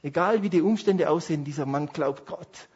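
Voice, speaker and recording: A man preaching a sermon as pastor, passionate, swinging between hushed and emphatic delivery. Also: a little high, moderate pace, breathy edge, dull audio.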